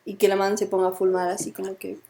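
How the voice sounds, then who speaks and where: A woman's voice: medium pitch, monotone, fast talker, a crowd in the background. A woman co-hosting a podcast, chatting casually, teasing and laughing along. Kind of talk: casual chat.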